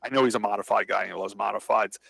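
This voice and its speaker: A man's voice: fairly low pitch, fairly even intonation, very fast, vocal fry, a bit bright, husky, dry recording, low-quality recording. A man co-hosting a podcast, talking in a casual, rambling way about his racing. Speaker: podcast co-host and racer. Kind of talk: casual chat.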